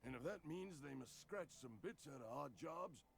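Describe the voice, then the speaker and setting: A man's voice: fairly high pitch, animated, moderate pace, vocal fry, a crowd in the background. An actor playing a sickly, paranoid, very old man in a video game, rambling nervously in a folksy way. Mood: meek, apologetic. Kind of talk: video game character dialogue.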